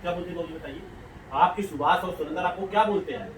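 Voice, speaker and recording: A man's voice: high-pitched, fast, slight background noise. A man, coaxing and quizzing a child in a playful, laughing way. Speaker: rationalist activist quizzing a child. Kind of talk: casual questioning chat. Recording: roomy sound from a distant mic.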